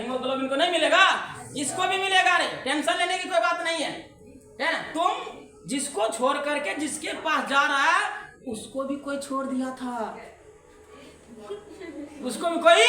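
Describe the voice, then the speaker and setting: A high, bright woman's voice, teaching science in a lively class and firing quick questions at her students. She laughs often as she explains. The room around her is echoey. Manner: call-and-response questioning, playful, laughing often. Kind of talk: online class lecture.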